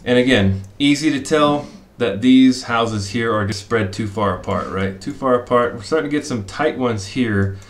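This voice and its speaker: A middle-aged man talks viewers through a screen share from his desk in a small room, analyzing fishing spots while thinking aloud with plenty of "um" and "uh." He speaks at normal speed with few pauses, in a medium-pitched, reverberant voice.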